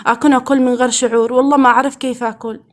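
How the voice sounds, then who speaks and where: A woman's voice: fairly high pitch, flat delivery, very fast. A woman calling in to ask a sheikh for help, sounding tired and pleading. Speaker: caller. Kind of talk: phone call to advice show.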